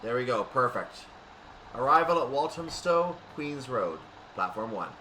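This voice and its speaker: In no hurry, a man with a mid-range voice calmly explains each action he takes in a live train simulator session. He's a gaming video host whose casual commentary stays methodical, captured by a distant mic amid loud, steady background noise.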